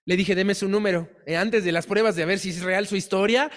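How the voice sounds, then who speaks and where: A man's voice: sits high, steady tone, a little fast. A man teaching a Bible class in a church hall, telling a personal story and acting out the dialogue in it.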